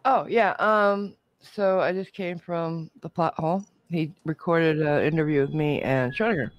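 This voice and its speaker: Excitable man cheering friends on. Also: a little high, moderate pace, no echo, muffled recording. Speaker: player in a group game. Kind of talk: casual gaming chat.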